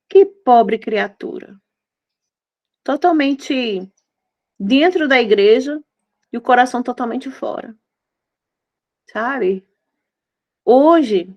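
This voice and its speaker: A woman in her fifties giving a devotional sermon, tender and intimate, pleading with her listeners. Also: fairly high pitch. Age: 50s. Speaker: devotional preacher.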